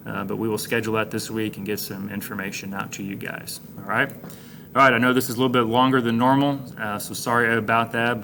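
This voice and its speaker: A low-voiced American man addresses students like an orientation leader, in a flat, even tone. He is plain-spoken and encouraging, pausing often as he works through informal school announcements. There is clear background noise on the recording. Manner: encouraging, congratulatory, plain-spoken, halting phrasing. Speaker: high school administrator giving announcements to students.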